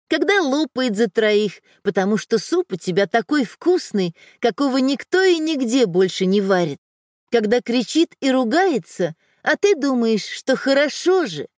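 A woman's voice: fairly high pitch, darkish tone, no echo, clean studio sound. A woman voicing firm, loving mother. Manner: firm, scolding yet tender. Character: firm loving middle-aged mother, teasing and protective.

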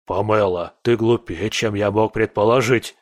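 A man with a fairly low voice performs a character in an audiobook: a cold, stern aristocratic lord and newspaper owner who speaks curtly and menacingly. The intonation is fairly even, the speed normal, and it sounds close to his everyday voice, recorded at studio quality with no room sound.

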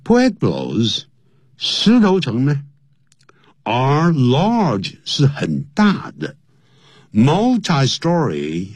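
A man teaching an English lesson, explaining slowly and spelling words out letter by letter, his voice jumping high to stress key points. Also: wildly swooping pitch, a little mellow, husky, no room sound.

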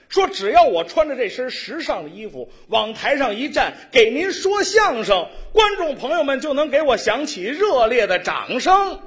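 High, lively-voiced male crosstalk comedian. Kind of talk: comic crosstalk dialogue on stage.

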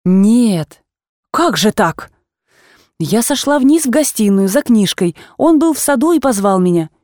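A woman voicing a quiet, gentle young woman in an audiobook, speaking softly and with restraint. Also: fairly high pitch, very animated, measured pace, no room sound, studio quality. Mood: subdued. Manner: soft, subdued.

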